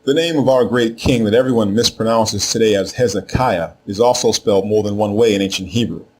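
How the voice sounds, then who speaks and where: A man narrating a scripted lesson in a measured way, spelling out letters and saying each name slowly twice. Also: on the low side. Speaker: teacher of Hebrew names.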